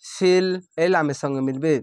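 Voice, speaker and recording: Man, recitation teacher, brisk explanations, slow drawn-out recitation, smooth voice. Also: on the high side, darkish tone, no room sound. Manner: explains rules briskly, then recites words very slowly and drawn out. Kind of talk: spelling-out Quran reading lesson.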